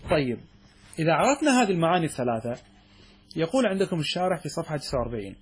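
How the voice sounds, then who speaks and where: A man's voice: on the high side, sing-song, racing, husky. A man teaching a class as a sheikh, who asks his students questions, answers them himself and often stops and restarts his sentences. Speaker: sheikh teaching a logic text. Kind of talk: classroom lecture.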